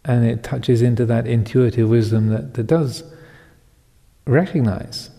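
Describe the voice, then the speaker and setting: Gravelly-voiced monk in his fifties, reverberant hall. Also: mid-range voice, steady tone. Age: 50s. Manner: reflective, halting, with many pauses and soft chuckles. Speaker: Buddhist monk. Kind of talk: Dhamma talk.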